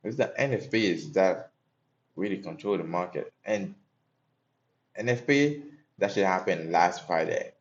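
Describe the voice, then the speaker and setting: Low-voiced man streaming his trades live. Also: lively intonation, measured pace, pauses often, dull audio. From Haiti. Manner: loose and profane, talks to chat. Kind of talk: casual live-stream commentary.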